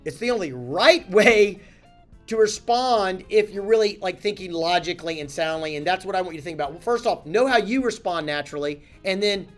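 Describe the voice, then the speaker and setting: A man, a company chief, giving a casual, animated talking-head lesson on handling crises, blunt and self-correcting. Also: sits high, a little fast, faint music behind. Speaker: company CEO teaching communication.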